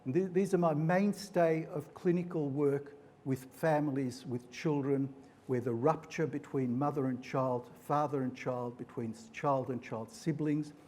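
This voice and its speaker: This man, a native Hungarian speaker, presents live at a mental health forum as a clinician. His mid-range, darkish voice moves unhurriedly with fairly even intonation as he explains things didactically, leaning on metaphors.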